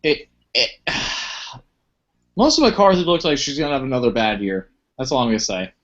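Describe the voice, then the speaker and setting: A man's voice: mid-range voice, very animated, normal speed, a bit bright. A man hosting a casual movie podcast, giving blunt opinions and reading film summaries. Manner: opinionated, reads summaries stiffly. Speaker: podcast host. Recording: muffled lo-fi podcast audio.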